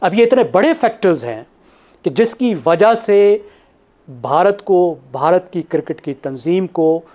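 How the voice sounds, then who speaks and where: Guy on tv, steady, going through his points in order. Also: high voice. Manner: measured, lists points in order. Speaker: TV analyst. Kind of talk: studio analysis.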